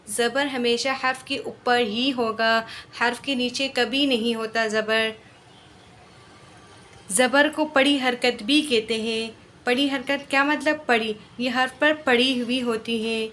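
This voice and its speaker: A woman teaching how to read Quranic letters, explaining patiently and drilling each syllable slowly. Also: on the high side, a bit bright, a little hiss or hum. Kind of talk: slow spoken recitation lesson.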